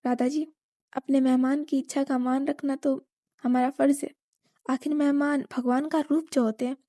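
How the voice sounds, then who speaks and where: A woman's voice: sits high, flat delivery, moderate pace, warm tone, no echo, clean studio sound, lightly acted. A woman voicing a playful younger sister who teases her elder sister. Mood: teasing. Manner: teasing.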